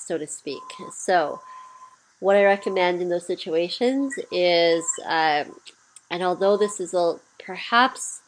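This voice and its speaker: A woman with a somewhat low voice, scratchy as she gets over a cold, talks through a mentorship session. She chats in a practical, easygoing way and clears her throat at times. A faint hiss sits under the recording.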